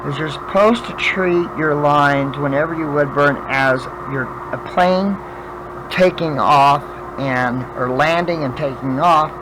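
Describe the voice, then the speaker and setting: Toothless guy on a craft vlog, kinda high voice, slurry, halting, chatting while he works, noisy hum behind him. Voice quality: toothless, slurred speech without teeth in. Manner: halting, thinking aloud. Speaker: craft vlogger demonstrating wood burning. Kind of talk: casual chat while working.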